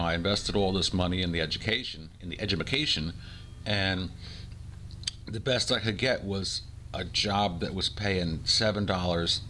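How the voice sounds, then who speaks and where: A man in his forties with a very low, bright and forceful voice. He rants informally in the first person, sounding aggrieved and exasperated. His delivery is blunt, with words repeated for emphasis. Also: slight background noise. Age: 40s. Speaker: career chef. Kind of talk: first-person rant to the listener.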